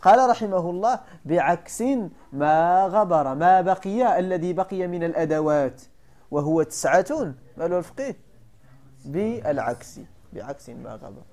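A sheikh with a Moroccan Arabic accent explains a classical text in a classroom lesson, repeatedly quizzing his students and going back over key points. His voice sits high and sounds mellow and animated at a normal speed.

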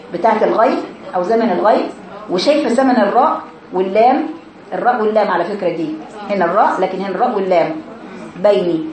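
A woman with an Egyptian accent teaching a tajweed lesson to her female students, explaining rules and reciting words slowly with long drawn vowels. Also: mid-range voice, a little mellow, roomy sound, poor audio. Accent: Egyptian Arabic.

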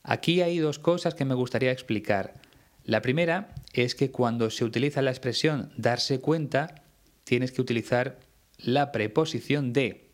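A man from Spain teaching Spanish, explaining words slowly and carefully and spelling them out letter by letter. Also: mid-range voice. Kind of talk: slow explanatory lesson.

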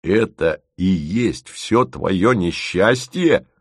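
Man doing an excitable shouting boss. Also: lowish voice, a little slow, creaky, dry recording, studio quality, heavily acted. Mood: excited. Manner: exclaiming, shouting. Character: excitable male boss, loud and pushy.

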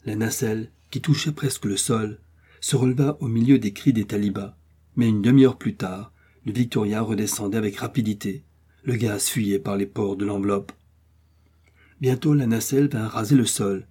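A man reading a classic adventure novel aloud as scripted audiobook narration, in a steady, measured way. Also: fairly low pitch, slightly rough. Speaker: audiobook reader.

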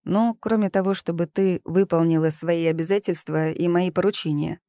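A woman's voice: fairly low pitch, fairly even intonation, normal speed, mellow, no room sound, studio quality, lightly acted. Woman reading a smug, mocking young man. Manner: smug and teasing.

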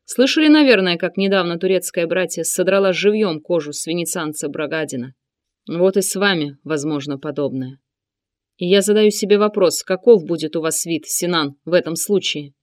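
A woman reading an audiobook, voicing a captive male nobleman who answers calmly and defiantly. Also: fairly low pitch, normal speed, no room sound, studio quality, close to an everyday voice. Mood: cool. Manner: calm, cutting, defiant.

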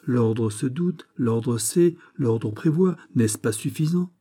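A man voicing a cold, disdainful prelate who speaks calmly and cuttingly. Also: mid-range voice, moderate pace, husky. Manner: calm, haughty, cutting. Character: Aramis, a cold, disdainful older male prelate.

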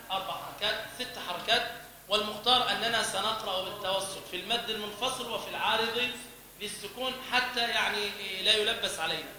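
A man's voice: sits high, pushed and bright. A man giving a religious lesson on pronouncing the call to prayer, demonstrating sounds by chanting and repeating syllables. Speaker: teacher of the call to prayer and Quran recitation. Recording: echoey hall.

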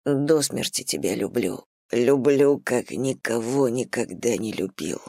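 A woman voicing a passionate, quick-tempered young man, speaking low and hushed. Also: vocal fry, dry recording, clean studio sound, full character voice. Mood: tender. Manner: low, hushed, brooding delivery.

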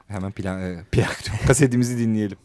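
A man hosting a casual conversation, telling stories in an animated, teasing way. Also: fairly low pitch, fast talker, a little hiss or hum. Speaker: show host.

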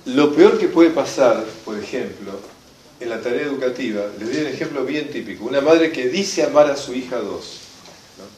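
A man with a Rioplatense accent lecturing a class, emphatic and lively, often checking that his audience understands. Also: mid-range voice, moderate pace, a little hiss or hum. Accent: Rioplatense Spanish. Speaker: enneagram teacher. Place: classroom or hall with a live audience. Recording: echoey room, mic from a distance.

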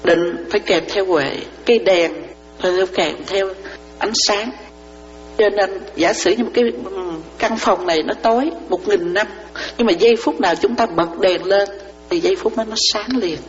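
A woman's voice: mid-range voice, normal speed, soft background music. A woman, a Buddhist nun, giving a dharma talk to lay followers. She explains through parables and often asks whether her listeners understand. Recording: reverberant hall, dull lo-fi sound, faint mains hum.

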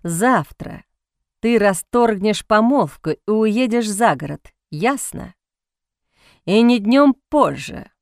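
A woman voicing a cold, cynical male aristocrat who speaks in a hoarse, mocking drawl in an audiobook. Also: medium pitch, lively intonation, normal speed, dry recording, clean studio sound, lightly acted. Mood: menacing.

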